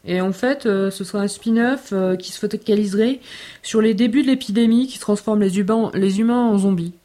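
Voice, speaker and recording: A woman's voice: medium pitch, a little fast, dark tone. A young woman co-hosting a casual podcast, frank and hesitant, with many fillers. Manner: hesitant, frank, laughs often. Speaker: podcast co-host. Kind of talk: casual chat.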